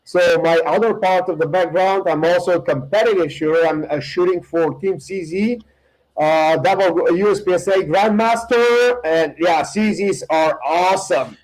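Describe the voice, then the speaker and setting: A middle-aged man with a Bulgarian accent, a guest in a casual podcast interview, speaking haltingly with many fillers and restarts. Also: high-pitched, a little mellow, low-quality recording. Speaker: guest, firearms instructor.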